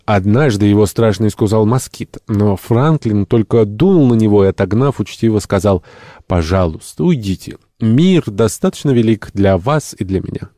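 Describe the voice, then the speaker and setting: A man's voice: fairly low pitch, normal speed, few pauses, warm tone, dry recording, clean studio sound, pitched above the performer's own voice, natural voice. A man voicing an irritable, eccentric middle-aged male entomologist who speaks in a fussy, pedantic, indignant way, raising his voice.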